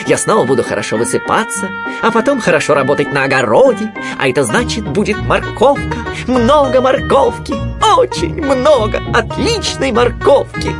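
A man voicing a fussy, busy male rabbit in a storybook, chatty and a little bossy. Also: mid-range voice.

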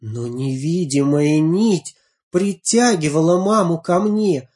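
A woman reading a fairy tale aloud in the first person, tender and expressive. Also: deep voice, takes it slowly. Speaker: storyteller. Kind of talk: storybook reading.

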